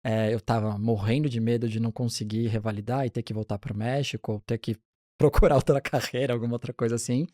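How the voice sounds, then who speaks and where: A man in his forties, a pediatric neonatologist, telling his career story in a relaxed, chatty interview with frequent restarts. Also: mid-range voice, fast talker, dry recording, studio quality.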